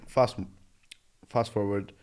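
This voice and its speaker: A Jordanian man in his twenties, a guest in a casual conversational interview in Australia, tells his story earnestly and reflectively, often restarting. His voice is fairly low, clear, and resonant, with fairly even intonation and drawn-out words.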